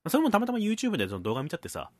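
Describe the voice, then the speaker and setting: A man in his early thirties from Hakata, chatting on a podcast at a brisk clip. His pitch swings wildly as he teases and laughs. The sound is dry and close. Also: no room sound. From Hakata, Fukuoka. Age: early 30s. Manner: animated teasing with frequent laughs. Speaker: podcast co-host. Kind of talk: casual chat.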